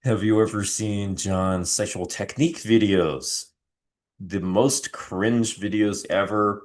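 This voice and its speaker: A middle-aged man hosting a channel, rambling through casual commentary with lots of swearing and restarts. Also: sits low. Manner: rambling, profane, frequent restarts. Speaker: channel host.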